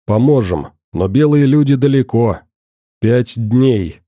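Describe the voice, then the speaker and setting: A dark-voiced older chief speaks in short, halting, broken phrases, as a man reads him in an audiobook. The sound is dry and close, with no room around it. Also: medium pitch, lively intonation, dry recording. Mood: plain.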